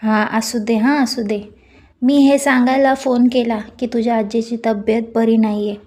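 Nagging snippy aunt on the phone, a lady reading her, kinda high and flat, soft mellow tone. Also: normal speed, lightly acted. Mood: scolding. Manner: taunting, nagging. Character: sharp-tongued scolding middle-aged aunt.

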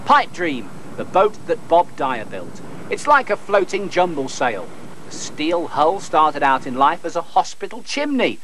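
A man reporting a news feature, narrating and interviewing with a lively, playful delivery. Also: a little high, measured pace, slight background noise, rough recording.

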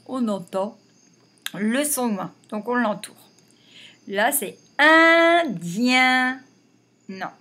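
A woman teaching a reading lesson to young children, slowly sounding out syllables one by one. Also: mid-range voice, fairly bright tone, husky. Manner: slow and deliberate, sounding out syllables. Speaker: primary school teacher.

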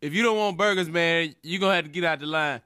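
Man as a high-pitched exasperated fast-food worker. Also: bright, forceful tone, clear, resonant tone. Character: stressed, sarcastic young fast-food worker. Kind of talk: animated comedy sketch dialogue.

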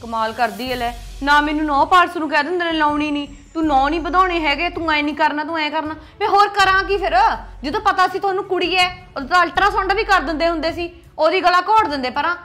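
Defiant young daughter played by a young woman, very high fast voice, music under. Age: young adult. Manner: rebellious, sharp-tongued. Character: defiant young woman refusing a forced marriage. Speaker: daughter, college student.

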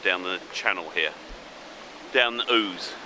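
An older man with a very low, deep voice talks easily to a handheld camera as he drifts down a river in a small boat. His tone is relaxed and chatty, as if thinking out loud. Birdsong and open-air river sounds come through clearly around him. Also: slow pace, noisy background. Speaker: solo small-boat voyager. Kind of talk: casual travel vlog commentary. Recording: outdoor birdsong and river ambience.

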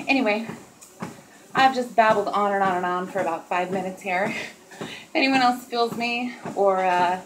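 A woman in her thirties chats casually to the camera as she walks on a treadmill. Her pitch is middling and her talk wanders in a loose, unscripted way. The treadmill runs clearly behind her in the room. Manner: chatty, talking while walking on a treadmill. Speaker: vlogger. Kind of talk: casual rambling chat to camera. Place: small dim room at home, indoors. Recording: steady treadmill noise and clicks. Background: loud treadmill motor and footfalls.

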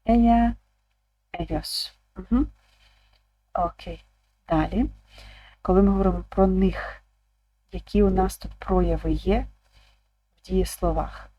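Woman, online lesson, slow repeating delivery, somewhat low voice. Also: husky, dull audio. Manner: calm, slow, repeats words aloud. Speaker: language teacher.

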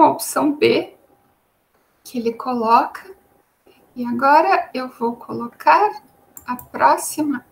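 High-voiced Brazilian woman teaching writing. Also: gravelly, slight background noise, rough recording. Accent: Brazilian Portuguese. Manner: explanatory, repeats points with frequent "né?". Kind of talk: online lecture with screen sharing.

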